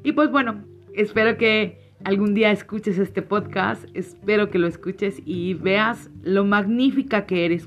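Earnest woman podcasting over guitar. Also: mid-range voice. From Chiapas, Mexico. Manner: earnest, grateful, reflective. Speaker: podcast host. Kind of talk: heartfelt podcast monologue and fable telling. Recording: slightly muffled, faint guitar music.

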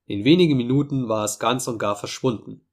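A man narrating a classic novel as an audiobook, in a steady, measured storytelling voice. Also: medium pitch. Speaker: audiobook reader. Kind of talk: scripted narration.

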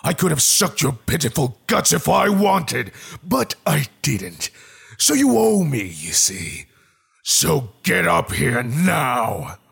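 A man's voice: a little high, very animated, slow, vocal fry, a bit bright, husky, pitched above the performer's own voice, exaggerated voice. A man reading a horror story, voicing a sly, menacing rabbit-like monster with steel teeth in a taunting, mock-friendly, sing-song way with an uncanny, strained timbre. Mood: commanding.

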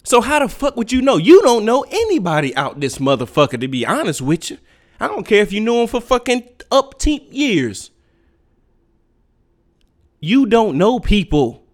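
A man rants on his own podcast, blunt and profane. His voice swoops wildly from low mutters to sharp high jabs. It sits a little higher than most men's. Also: very animated, moderate pace. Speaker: podcast host. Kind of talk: unfiltered solo rant.

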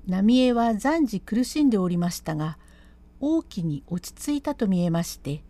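A woman reading aloud a classic spoken storytelling text in measured, old-fashioned narration. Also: mid-range voice, animated, dark tone, no echo.

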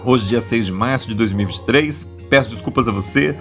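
A Brazilian podcast host with a Brazilian Portuguese accent speaks into his mic in a stuffy, nasal voice from a cold, medium in pitch and fairly quick. In this casual religious podcast chat he's warm and chatty, dropping in asides and lots of tag questions, with soft music faintly underneath.

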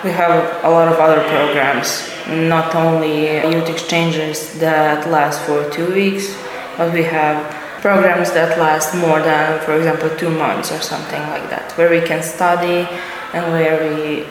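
A woman's voice: low-pitched, level tone, unhurried, background noise. A woman in her twenties from Serbia with a Serbian accent, answering conversationally as an interview guest. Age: 20s. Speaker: interview guest, youth exchange participant.

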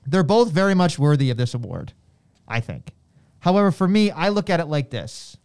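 Man, podcast co-host, fairly high voice, very clean tone, casual, conversational, repeats phrases. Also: darkish tone, smooth. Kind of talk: casual discussion of wrestling.

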